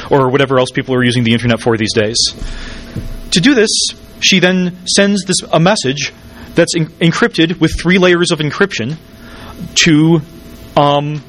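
A man giving a technical conference talk, wired on caffeine, hurried and jittery with stumbles and dry, wry asides. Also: fairly high pitch, fairly bright tone. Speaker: conference speaker.

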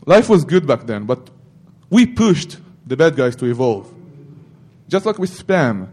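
A man's voice: medium pitch, very animated, measured pace, a little mellow, breathy edge. A middle-aged man giving an informal technical talk at a security conference, rambling with self-corrections and joking asides to the audience.

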